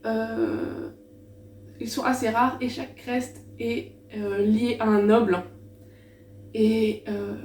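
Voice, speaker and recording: A woman's voice: a little high, dark tone. A French-speaking woman hosting a book video, talking casually with many hesitations and restarts. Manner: hesitant, many fillers and restarts, self-mocking. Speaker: book channel host. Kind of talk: casual book presentation vlog. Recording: echoey room, mic at a distance, faint hum.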